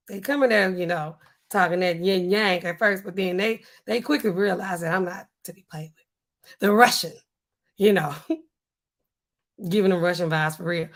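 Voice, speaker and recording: Her voice husky, weak and hoarse, a woman pharmacist livestreams from a home studio featuring a neon sign. It's a casual chat where she reads comments, animated overall but going low and slow for a stern tone.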